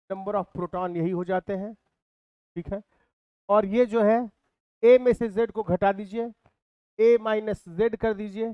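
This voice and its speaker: A man's voice: high voice, no room sound, highs cut off. A man teaching a physics class in speech, repeating key terms and asking his students questions. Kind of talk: classroom lecture.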